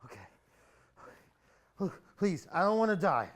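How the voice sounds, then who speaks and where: A man's voice: sits high, very animated, a little slow, fairly bright tone, exaggerated voice. A young man playing a cowardly, irresponsible slacker in a naturalistic comic drama, whiny and pleading as he babbles. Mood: terrified pleading.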